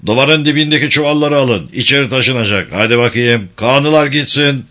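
A man voicing a brisk army captain who gives orders loudly in a storybook reading. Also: mid-range voice, lively intonation. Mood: commanding. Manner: commanding, brisk.

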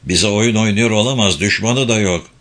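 A man voicing a worried older family head with a thick, deep voice, anxious and reproachful. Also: normal speed, a bit bright.

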